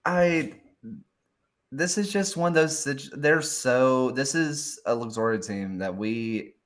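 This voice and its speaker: A man's voice: medium pitch, takes it slowly. A man co-hosting a soccer show in casual chat, hesitant, often trailing off and restarting his thoughts.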